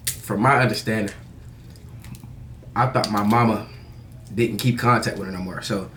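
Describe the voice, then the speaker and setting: A young American man telling a personal story in a casual confessional vlog, candid and halting, with slangy, profane phrasing. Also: lowish voice, fairly bright tone, a little hiss or hum. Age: young adult.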